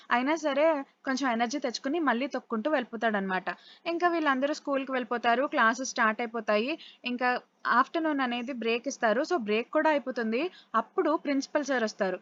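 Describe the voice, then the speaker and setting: A woman's voice: sits high, a bit bright, lo-fi sound. A woman casually retelling a drama scene by scene in a chatty way, quoting the characters' lines as she goes. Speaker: drama recap narrator. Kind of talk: casual storytelling recap.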